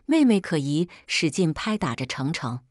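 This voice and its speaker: A woman reading a family drama story aloud as narrator in an even storytelling manner. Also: low-pitched, normal speed, no room sound, studio quality.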